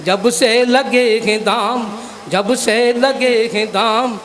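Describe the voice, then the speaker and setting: High-voiced man reciting satirical verse. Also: steady tone, extremely slow, fairly bright tone, soft background music. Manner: chants and half-sings refrains, breaks off to address the audience. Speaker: poet at a poetry gathering. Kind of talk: satirical poetry recital with sung refrains. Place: stage at a poetry gathering.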